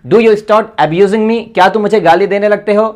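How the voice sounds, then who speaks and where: A man from India teaching English grammar, slowly reading out English example sentences and translating each one, then giving encouraging advice. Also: high voice, steady tone. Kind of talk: spoken grammar lesson.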